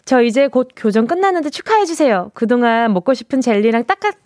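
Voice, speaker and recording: A woman's voice: fairly high pitch, fast, darkish tone, no echo. A woman hosting a live radio show, reading listener texts in a playful, chatty way from a studio microphone.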